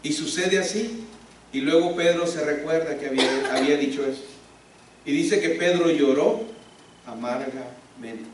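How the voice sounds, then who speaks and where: Pastor, male, emphatic sermon with rhetorical questions, high-pitched, heavy hall echo. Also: a little slow, a little hiss or hum. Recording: echoey hall, speaker far from mic.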